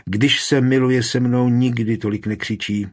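A man with a husky voice reading an audiobook, raising his voice for an impulsive, bitter young woman. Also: medium pitch, fairly even intonation, close to an everyday voice.

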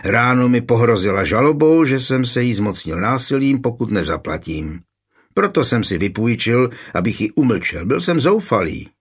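A man's voice: medium pitch, expressive, slightly rough. A man voicing a spoiled, lying young man pleading and accusing in a raised, whining voice.

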